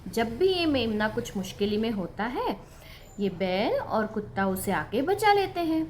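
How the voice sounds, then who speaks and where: A woman narrating a puppet story for children, telling it slowly and simply with expression. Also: on the high side, sing-song, slight background noise.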